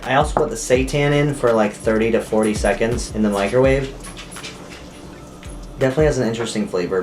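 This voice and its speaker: A man hosting a casual food review, talking informally to camera and often asking himself questions as he goes. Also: mid-range voice. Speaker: host of a food review video. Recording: clearly noisy home recording.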